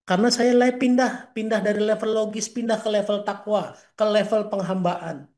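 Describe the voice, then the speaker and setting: A man's voice: high-pitched, steady tone, moderate pace, darkish tone. A man in his forties, an Islamic preacher in casual talk, telling stories earnestly with quoted dialogue.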